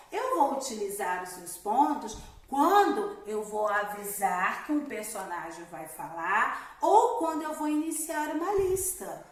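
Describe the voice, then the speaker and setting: A woman's voice: high-pitched, far from the mic. A woman primary school teacher giving a recorded grammar lesson, explaining step by step and often checking in with the class. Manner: explains step by step with frequent "né?" and "galerinha". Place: room at home. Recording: very echoey room, voice set back from the mic.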